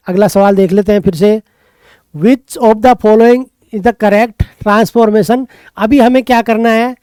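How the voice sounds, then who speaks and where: A male tutor with a Rajasthani Hindi accent works through exam questions, posing each one and answering it himself. His voice sits high and comes across smooth and crisp. The sound is close and dry, with no room echo. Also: darkish tone. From Rajasthan, India. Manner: brisk quizzing, answers his own questions. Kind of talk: exam paper walkthrough lesson.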